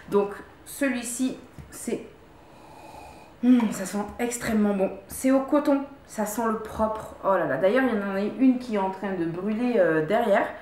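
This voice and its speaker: A woman's voice: medium pitch, roomy sound, a little hiss or hum. A woman vlogger casually reviewing her favorite products at home, chatty, repeating words and stopping to restart often. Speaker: beauty vlogger. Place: room at home.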